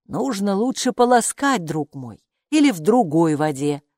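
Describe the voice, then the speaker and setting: A woman's voice: mid-range voice, very animated, a little mellow, no echo, clean studio sound. Woman doing a sly, know-it-all talking bathrobe. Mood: calm. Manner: unhurried, patronizing, calls her "friend".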